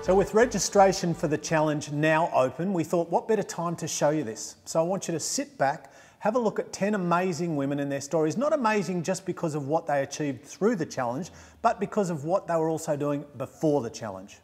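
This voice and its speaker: An earnest Australian man coaching straight to camera, his voice pitched a little high. He is emphatic and encouraging, and his words ring with a long reverb from the gym around him. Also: animated, fairly quick, slightly rough. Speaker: fitness coach presenting the challenge. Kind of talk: motivational address to camera. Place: gym indoors.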